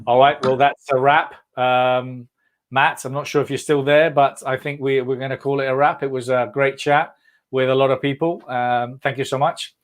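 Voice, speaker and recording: A man's voice: medium pitch, level tone, normal speed. A man hosting an online event, effusively thanking guests and calling them darling. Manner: warm, effusive thanks, calls people darling. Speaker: host. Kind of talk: online panel chat.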